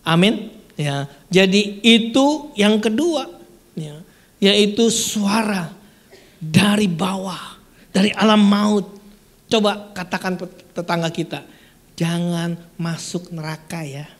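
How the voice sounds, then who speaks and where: A preacher giving a live-streamed church sermon, swinging from loud peaks to hushed lines and asking the congregation questions. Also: mid-range voice, takes it slowly, long pauses.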